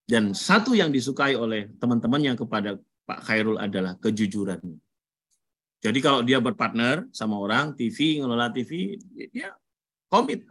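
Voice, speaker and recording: A man lecturing students in a motivational talk, telling stories in an animated way. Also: medium pitch, normal speed. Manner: animated storyteller, acts out quoted voices. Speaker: university lecturer.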